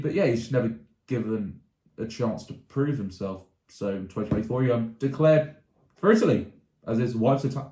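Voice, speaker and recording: A young adult sports vlogger chats casually about sports in a warm, medium-pitched voice, rambling with restarts and asides. The recording has a roomy echo.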